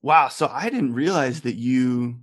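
Guy hosting a podcast, mid pitched voice, casual interview chat. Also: lively intonation, unhurried. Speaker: podcast host.

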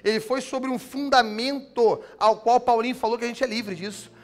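Animated pastor preaching, high voice. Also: male voice. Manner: animated, swings from loud emphatic to soft and slow. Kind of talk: sermon.

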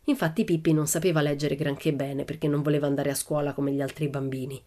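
Warm low-voiced woman narrating a story. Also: little pitch movement, fast. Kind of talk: children's audiobook narration.

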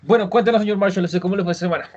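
A man hosting a casual podcast chat, quick and chatty, asking his guests lots of questions. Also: sits high, a little mellow, lo-fi sound. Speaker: podcast host.

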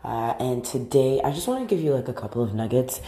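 Woman doing a pep-talk podcast in her bathroom, morning voice, kinda raspy and warm, upbeat with lots of ums. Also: extremely low pitch, expressive, brisk. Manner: upbeat, repetitive, full of fillers. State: groggy morning voice from a slight cold. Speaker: podcast host. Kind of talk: motivational podcast monologue. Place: large tiled bathroom.

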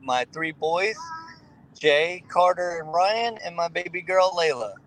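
A man's voice: fairly high pitch, unhurried, fairly bright tone, slight background noise, poor audio. A sociable, laid-back man from Louisiana with a faint Southern accent, chatting casually as a podcast guest. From Louisiana, United States. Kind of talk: casual chat.

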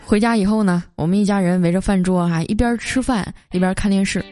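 A woman's voice: medium pitch, quick pace, some chatter behind, slight background noise. Chatty woman host telling funny stories. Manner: chatty, lively, sprinkles filler particles. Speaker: host of a comedy story segment. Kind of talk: comedic storytelling, radio-style.

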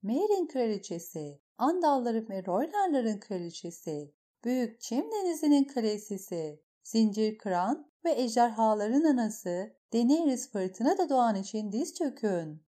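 A woman voicing a young female herald with a shrill, sweet voice, proclaiming titles in an audiobook reading. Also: sing-song, unhurried, few pauses, dark tone.

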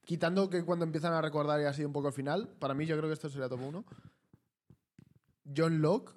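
A man with a Spanish accent co-hosting a casual podcast chat, retelling scenes with animated enthusiasm. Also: on the high side, quick pace. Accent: Spanish from Spain. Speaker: podcast co-host.

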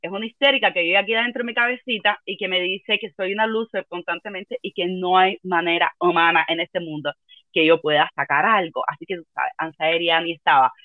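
A woman's voice: lowish voice, fairly even intonation, fairly quick, no echo, narrow, tinny audio. A woman with a Cuban accent telling a funny personal story in a dramatic, self-mocking way. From Cuba. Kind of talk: comic storytelling chat.

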